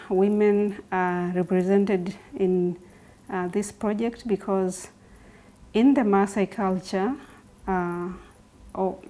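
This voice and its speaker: A woman's voice: mid-range voice, dark tone. A woman from southern Tanzania representing her Maasai community, speaking earnestly in a documentary interview. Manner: earnest, with hesitant pauses. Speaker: Maasai delegation member.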